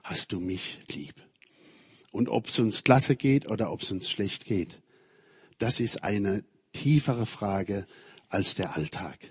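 A man preaching a sermon, moving between loud emphatic passages and very soft, quiet phrases. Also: lowish voice, expressive, slow, breathy edge, no echo, clean studio sound. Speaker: preacher, member of a religious community.

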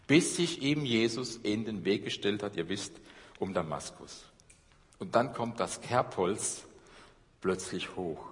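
A middle-aged man preaching a sermon, moving between loud, emphatic passages and hushed, low ones. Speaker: pastor. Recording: long church-hall reverb.

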